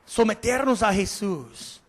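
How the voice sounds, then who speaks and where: High-voiced pastor in reverberant hall. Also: male voice, slow pace. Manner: animated preaching, questions to the congregation; slips English words into Spanish. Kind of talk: sermon.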